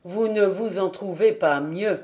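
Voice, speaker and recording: An audiobook reader voicing an earnest village pastor who speaks in a measured, persuasive way. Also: mid-range voice, a little mellow, natural voice. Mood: conciliatory. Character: earnest village pastor, middle-aged man. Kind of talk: audiobook character reading.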